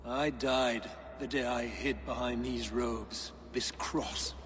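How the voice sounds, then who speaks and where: An actor playing a bitter, proud fallen medieval cleric in a video game. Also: male voice, mid-range voice, fairly even intonation, slow, a bit bright, a little hiss or hum. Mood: bitter, resigned. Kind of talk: dramatic video game acting. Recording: long hall reverb, music behind.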